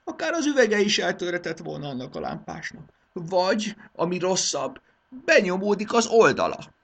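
A man voicing an anguished, fussy king who wails in a high, theatrical voice in a storybook reading. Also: very animated, gravelly, exaggerated voice. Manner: high-pitched, wailing, theatrical.

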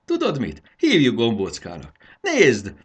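A man's voice: fairly low pitch, wildly swooping pitch, fairly bright tone, husky, heavily acted. A man doing an eager explaining young boy. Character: earnest know-it-all young boy.

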